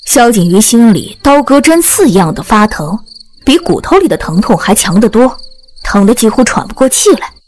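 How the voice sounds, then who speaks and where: A woman narrating a serialized novel as an audiobook, with expressive storytelling. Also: fairly high pitch, normal speed, slight background noise.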